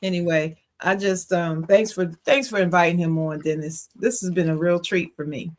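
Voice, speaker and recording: A woman's voice: lowish voice, steady tone, moderate pace. Frank, opinionated woman co-host. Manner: frank, opinionated, laughs easily. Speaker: podcast co-host. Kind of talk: casual chat.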